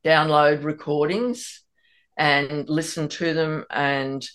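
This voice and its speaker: A woman hypnotherapist guest on a radio show, explaining her work calmly. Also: deep voice, slow. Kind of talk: radio interview.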